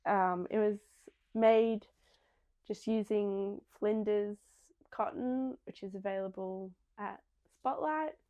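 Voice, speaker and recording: A woman's voice: mid-range voice, slow, mellow, lo-fi sound. A young woman hosting a podcast, chatting casually and rambling with many ums and small restarts. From Australia. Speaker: podcast host. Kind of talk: casual chat.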